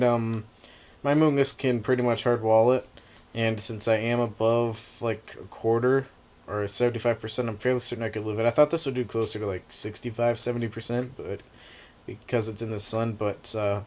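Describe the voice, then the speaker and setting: There's a medium-pitched male voice chatting casually through a video game battle, wandering from thought to thought and cursing without much thought. All that talking has made him hoarse.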